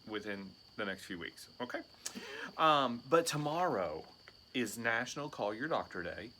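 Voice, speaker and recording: A man's voice: medium pitch, animated, moderate pace, sharp tone, a little hiss or hum. A man in his thirties, a teacher co-hosting a casual chat show, teasing his co-host with joking banter.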